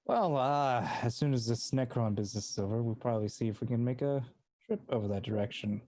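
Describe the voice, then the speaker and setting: Measured, dry man role-playing a captain. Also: mid-range voice, dark tone. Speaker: tabletop player playing a ship captain. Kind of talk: casual in-character game chat.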